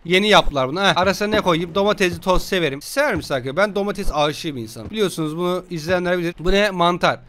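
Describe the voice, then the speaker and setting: A young man giving joking, casual let's-play commentary, scolding and teasing a game baby with rough slang. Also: sits high, fast talker, few pauses, fairly bright tone. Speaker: gaming streamer.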